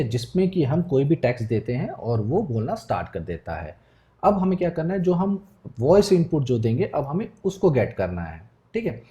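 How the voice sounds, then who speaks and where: Mellow-voiced man explaining code. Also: mid-range voice. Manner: patient step-by-step explaining, frequent check-ins. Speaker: coding tutor. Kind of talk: screen-recorded coding tutorial.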